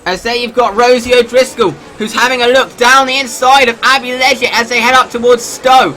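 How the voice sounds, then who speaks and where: A man giving live sim-racing commentary in the excitable manner of a motorsport commentator. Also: extremely high pitch, brisk, soft background music, low-quality recording.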